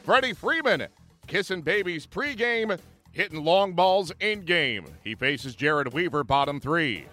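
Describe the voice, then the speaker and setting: A man narrating a scripted sports recap as a highlights presenter. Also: expressive, a little slow, sharp tone, faint music behind.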